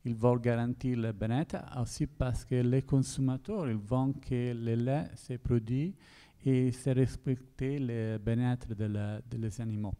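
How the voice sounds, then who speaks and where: A man in his forties with a foreign Italian accent in French, presenting at a round table and haltingly repeating small words as he searches for the next. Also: medium pitch, steady tone, warm tone, smooth. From Italy. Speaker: university researcher, panel speaker. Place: stage of an indoor conference hall. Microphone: handheld microphone.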